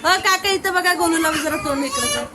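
High-voiced chatty woman vlogger. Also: big pitch swings, normal speed, heavy background noise. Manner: chatty, talks to viewers and coaxes children. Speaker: family vlogger. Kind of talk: casual family vlog narration.

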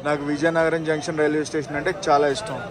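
A man's voice: a little high, flat delivery, racing. A man narrating a casual train travel vlog, talking straight to his viewers and pointing out sights as he goes, recorded on a handheld phone. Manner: chatty, addresses viewers directly, points things out. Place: on a train and station platforms, outdoors. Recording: train and station noise behind.

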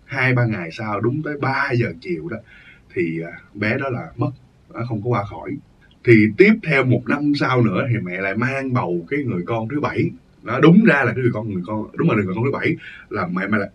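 Husky man telling ghost stories. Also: medium pitch. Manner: rambling, repeats phrases, emphatic. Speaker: ghost story narrator. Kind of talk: casual storytelling. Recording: dull lo-fi recording, distant mic.

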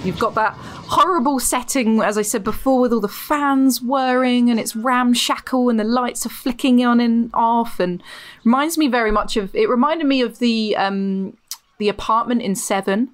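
A woman's voice: a little high, moderate pace. A woman talking casually about film as a podcast guest.

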